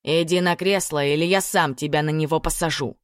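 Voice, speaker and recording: A woman's voice: sits low, fairly even intonation, a little fast, dry recording, studio quality, lightly acted. A woman reading a menacing domineering sheikh. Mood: threatening. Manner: cold, threatening.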